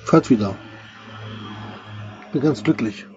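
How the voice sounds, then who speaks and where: A man's voice: medium pitch, expressive, takes it slowly, crowd noise. A middle-aged man in casual chat with his partner, teasing her and rambling on with amusement. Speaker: vlog host, partner. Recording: dull muffled dry sound.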